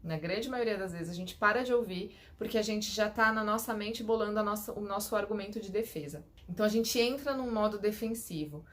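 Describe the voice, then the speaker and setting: A woman's voice: mid-range voice, brisk, hardly any pauses. A woman psychologist with a São Paulo Brazilian accent explains communication skills to her audience. Her voice sits in an ordinary middle range. She teaches step by step and keeps checking that her viewers follow. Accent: Brazilian Portuguese, São Paulo. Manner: didactic, checks in with listeners. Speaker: clinical psychologist. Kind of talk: direct-to-camera teaching tips.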